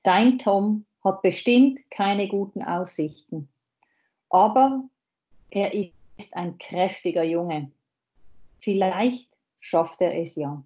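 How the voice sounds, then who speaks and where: A woman reading a blunt middle-aged male doctor's lines aloud, slowly, from a novel. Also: medium pitch, animated, dark tone, muffled recording.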